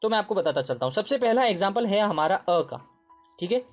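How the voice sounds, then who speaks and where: A man's voice: high-pitched, big pitch swings, fairly quick, faint music behind. A man teaching English grammar in a casual spoken lesson, who repeats points, checks in with his listeners and corrects himself mid-sentence.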